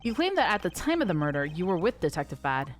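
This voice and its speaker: A woman voicing a stern, formal male prosecutor in a lowered voice, reading a game aloud. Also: sing-song, faint music behind. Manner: measured, formal.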